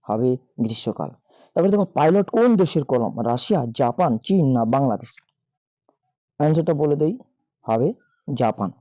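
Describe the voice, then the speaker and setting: A hoarse male teacher reads out exam questions and their options, then gives the answers. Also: medium pitch, expressive, moderate pace, pauses often, mellow, no echo. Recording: dull lo-fi mic.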